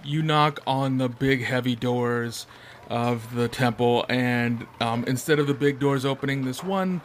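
A man's voice: medium pitch, unhurried, slight background noise. A man narrating a tabletop fantasy game as game master in a casual, improvised way.

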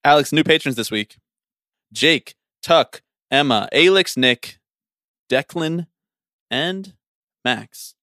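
A man's voice: fairly high pitch, slow, pauses often, no echo, studio quality. A man co-hosting a podcast, chatting casually and ranting with teasing energy. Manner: animated, teasing, ranty. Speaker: podcast co-host.

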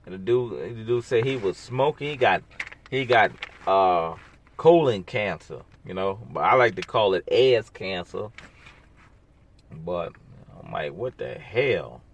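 A man talks slowly in a fairly low voice on a solo podcast. He rambles in a blunt, sarcastic way, full of slang. A steady noise hisses under his voice. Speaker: podcast host. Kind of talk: casual solo podcast monologue.

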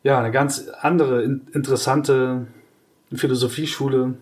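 A man at a middle pitch co-hosts a podcast discussion. He explains patiently, stumbling through restarts and then warming into lively, exaggerated examples. His delivery stays conversational rather than scripted. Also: moderate pace. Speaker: podcast co-host.

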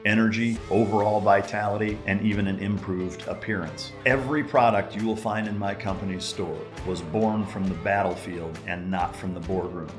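Low-voiced man reading an ad, measured, faint guitar music underneath. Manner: measured promotional delivery. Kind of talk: read ad spot.

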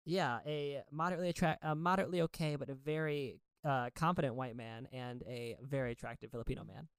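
A woman's voice: very deep voice, quick pace, clean tone, dry recording, clean studio sound. A woman co-hosting a podcast in casual chat, speaking in a playful, joking manner. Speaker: podcast co-host.

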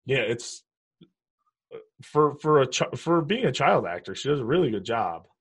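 A man's voice: medium pitch, sing-song, normal speed, husky. A man casually chatting through a movie commentary, cracking jokes and laughing often. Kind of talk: casual movie watch-along chat.

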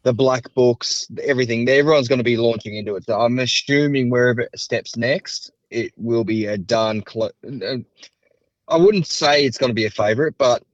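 A man's voice: mid-range voice, no echo. A man co-hosting a casual racing podcast, rambling and hedging with lots of fillers. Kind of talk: casual chat. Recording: slightly dull, dry sound.

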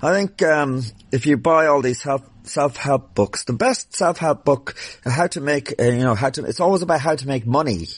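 A man's voice: mid-range voice, expressive, moderate pace, few pauses, husky, no echo. A man hosting a podcast, ranting in a blunt, profane, angry way. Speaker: podcast host. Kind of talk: casual rant and interview.

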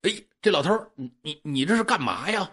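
A man's voice: fairly high pitch, lively intonation, a little fast, a bit bright, breathy edge, pitched above the performer's own voice. A man voicing a young working man who speaks in a flustered, effusive way. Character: young working man, startled then grateful.

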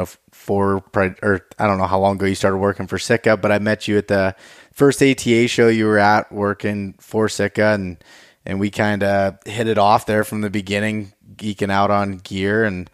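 Low, smooth-voiced American man hosting a podcast. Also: dry recording, studio quality. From Pennsylvania, United States. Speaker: podcast host. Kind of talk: casual podcast talk.

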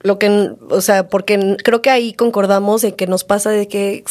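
A woman's voice: medium pitch, fairly even intonation, normal speed, darkish tone. Woman, chatty host. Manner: chatty, frequent fillers. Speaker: podcast host. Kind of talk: casual chat.

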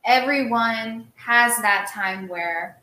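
A young woman with a bright, somewhat high voice, chatting loosely and talking things through with plenty of "like" and "um". The room adds a noticeable echo. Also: slow pace. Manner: chatty, explains at length with hedging fillers. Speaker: guest. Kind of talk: casual chat. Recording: echoey room.

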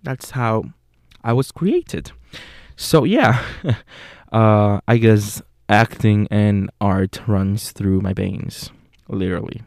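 This young adult podcast host from Puerto Rico speaks with a Puerto Rican Spanish accent in a low, mellow voice with gravelly fry, sounding close and dry with no room sound. Earnest and unhurried, he often pauses on fillers to correct himself on his solo show.

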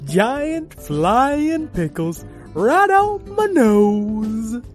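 A woman playing a lively, dry-witted talking dog. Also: fairly high pitch, very slow, soft background music, full character voice. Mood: matter-of-fact. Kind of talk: improvised storybook acting.

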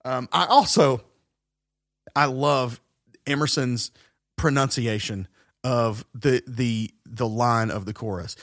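A man's voice: mid-range voice, takes it slowly, long pauses, fairly bright tone, dry recording, studio quality. A man co-hosting a podcast, talking through a song's music theory in a rambling way with many fillers and restarts. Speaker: podcast co-host. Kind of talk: casual music-analysis chat.

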